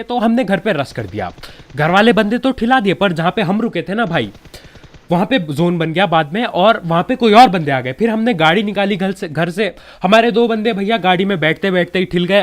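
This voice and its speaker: Young guy w a bit of a cold, slightly high voice, chill chatty gaming tips. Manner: chatty, keeps saying yaar and bhai, relaxed advice. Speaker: gaming YouTuber giving tips. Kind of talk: casual gameplay commentary.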